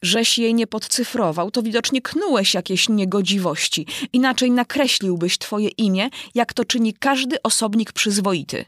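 A woman's voice: medium pitch, moderate pace, few pauses, dry recording, studio quality, pitched above the performer's own voice, close to an everyday voice. Woman putting on a pompous old king.

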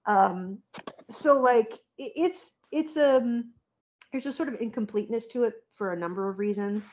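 A woman's voice: a little high, normal speed, darkish tone. A woman chats casually on a podcast, rambling through her thoughts with plenty of fillers. She laughs often mid-sentence. The recording sounds somewhat dull and lo-fi. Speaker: podcast guest. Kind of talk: casual chat.

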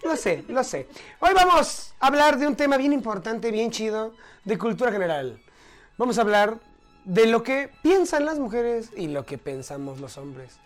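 Crude joking Mexican podcast host. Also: male voice, extremely high pitch, big pitch swings, moderate pace, faint music behind. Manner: profane, joking, does mocking voices. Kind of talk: crude comedic podcast banter.

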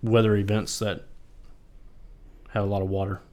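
A man's voice: on the low side, level tone, moderate pace, a little mellow. A man hosting a podcast in casual chat, rambling and joking, with a loose tongue that slips into swearing. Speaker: podcast host.

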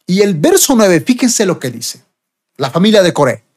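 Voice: mid-range voice, big pitch swings, moderate pace. A preacher from Bolivia, giving a sermon and reading scripture verses with rising emphasis.

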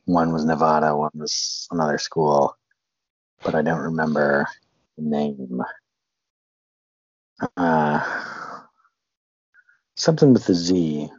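Very deep, husky man, slow and hesitant. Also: no room sound, dull audio. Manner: hesitant, rambling guesses. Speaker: podcast co-host guessing trivia. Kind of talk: casual sports chat.

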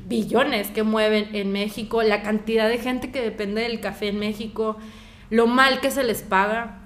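A woman's voice: on the high side, fairly even intonation, measured pace, fairly bright tone. A Mexican woman speaking as an interview guest, talking at length with many fillers and acting out remembered conversations. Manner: talkative, fillers, acts out quoted exchanges.

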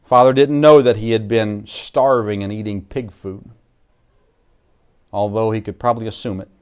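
A man preaching a sermon as a pastor, earnest, with restarts, swinging between loud emphasis and quiet asides. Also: lowish voice, steady tone, normal speed, smooth.

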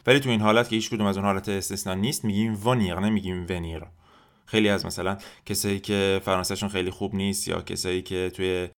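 A male teacher, a Persian speaker, explaining a lesson casually and drilling slow, deliberate repetitions of French words. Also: lowish voice, fairly bright tone. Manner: explains casually, quick asides.

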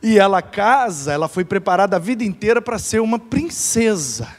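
A man preaching a church talk in a lively, animated storytelling way, laughing along with his own jokes. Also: high-pitched, normal speed. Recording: echoey hall reverb.

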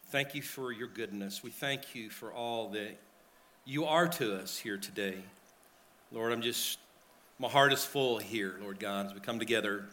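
A man's voice: fairly low pitch, bright, forceful tone. A man preaching a sermon at a pulpit microphone in a church. He speaks in earnest, repeats his phrases and uses filler words. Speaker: pastor. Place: church sanctuary.

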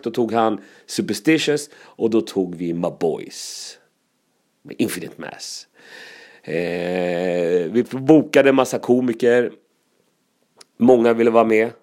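Lively man telling anecdotes. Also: lowish voice. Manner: lively storyteller with laughs and asides. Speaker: comedian.

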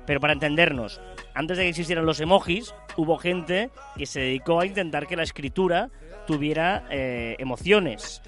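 Man, podcast co-host, explanatory, a bit high-pitched, faint music under. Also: normal speed, a bit bright. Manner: explanatory, frequent "¿vale?" check-ins. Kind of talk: casual podcast chat.

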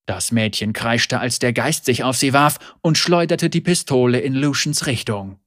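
A man narrating a German adventure story in an expressive, dramatic way. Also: medium pitch, normal speed, dry recording, clean studio sound. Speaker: audiobook narrator. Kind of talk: scripted narration.

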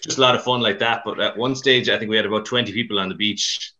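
Speaking fast in a west of Ireland accent, this man, a CrossFit coach from Mayo and Dublin, Ireland, rambles colloquially as a podcast guest with some self-deprecation. His fairly low voice is steady, pushed, and bright, while the audio sounds dull.

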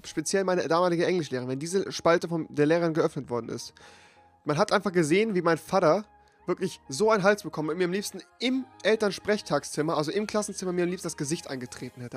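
A young man co-hosting a casual chat, telling school stories in an animated way and acting out the voices of the people in them. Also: on the high side, fast, soft background music. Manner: animated storytelling, acts out voices. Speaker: podcast co-host.

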